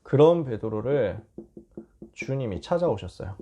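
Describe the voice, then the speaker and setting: A male pastor giving a casual, animated storytelling sermon to teenagers. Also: medium pitch, moderate pace. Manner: casual and animated, acting out scenes.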